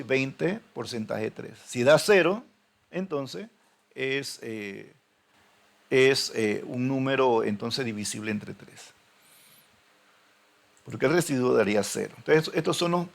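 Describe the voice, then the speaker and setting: Gravelly man teaching coding. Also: medium pitch. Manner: hesitant, many fillers and restarts, checks in with "¿ven?". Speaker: programming teacher. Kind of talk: recorded classroom lecture.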